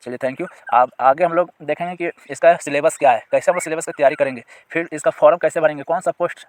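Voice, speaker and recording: A man who teaches exam prep, explaining a recruitment notice to viewers. He reads the notice clauses out slowly, then goes back over them in plain words, asking his audience questions and pointing them to sections on screen. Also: fairly high pitch, steady tone.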